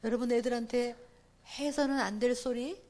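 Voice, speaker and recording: A middle-aged woman giving a parenting seminar talk at church. She swings between hushed asides and loud, emphatic exclamations, acts out dialogue and has the audience repeat phrases after her. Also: fairly high pitch, steady tone, normal speed. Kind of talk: church family seminar talk with personal stories.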